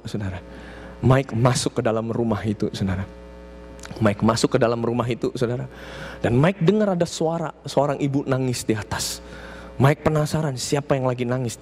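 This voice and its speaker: Animated male preacher telling a story. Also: medium pitch, a little hiss or hum. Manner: keeps addressing the congregation as "saudara"; animated storytelling with acted quotes. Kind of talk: storytelling sermon. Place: church service.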